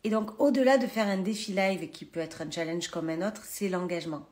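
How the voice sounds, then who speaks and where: A woman's voice: lowish voice, a little fast, darkish tone. A woman chatting live to her viewers from a phone in a holiday cottage, talking freely with many hesitations. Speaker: live streamer and massage trainer. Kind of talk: casual social media live chat.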